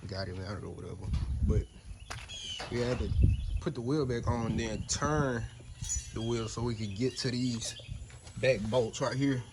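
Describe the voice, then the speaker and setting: Unhurried and pausing often, a medium-pitched man talks his way through truck repairs outdoors for a DIY vlog. He stays relaxed and points things out, recorded on a noisy phone.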